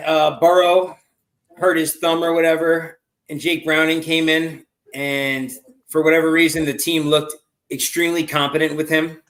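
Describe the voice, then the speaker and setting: A man from New York giving quick, conversational takes as a panelist on a sports talk show. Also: fairly high pitch, fairly bright tone, poor audio. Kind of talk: casual sports chat.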